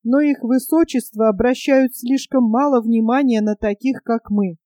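A woman's voice: a little high, fairly even intonation, moderate pace, mellow, no echo, studio quality, lightly acted. A woman voicing a bitter, gloomy female crow who speaks grimly and with sighs in a storybook tale. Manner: grim, sighing.

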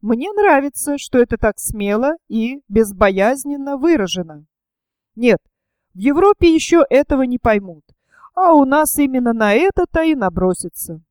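A woman's voice: high voice, sing-song, normal speed, a little mellow, smooth, dry recording, studio quality. A woman voicing a vain, pompous elderly male writer who turns affected and sugary when he fawns. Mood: pompous musing.

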